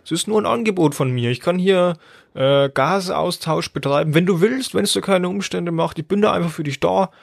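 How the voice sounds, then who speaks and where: A man's voice: sits high, gravelly, no echo, clean studio sound, pitched above the performer's own voice. A man voicing an overly obliging, passive-aggressive lung. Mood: falsely obliging. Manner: overly accommodating, quick.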